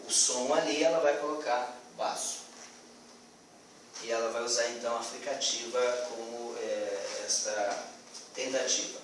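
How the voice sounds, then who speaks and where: A man's voice: mid-range voice, slight background noise. Hesitant man presenting in an echoey room. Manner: hesitant, many fillers and restarts. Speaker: student presenter. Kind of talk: classroom presentation. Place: classroom. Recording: echoey classroom from far off.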